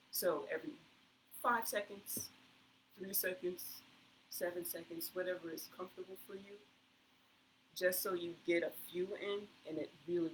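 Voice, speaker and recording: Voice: mid-range voice, a little hiss or hum, low-quality recording. A fitness instructor talking casually through plank variations step by step, encouraging and reassuring the viewer. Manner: chatty, talks through each move step by step.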